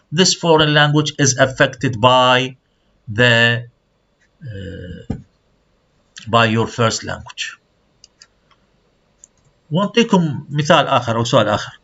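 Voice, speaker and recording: A man teaches a class at a middle pitch, stepping through examples as he moves between two languages. The recording is dull and a little lo-fi. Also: big pitch swings, takes it slowly, long pauses, bright, forceful tone. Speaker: language lecturer. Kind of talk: classroom lecture mixing Arabic and English.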